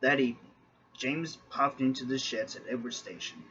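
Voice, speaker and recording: A man narrating a children's train story in an expressive storytelling manner. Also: mid-range voice, moderate pace, lo-fi sound, slight background noise.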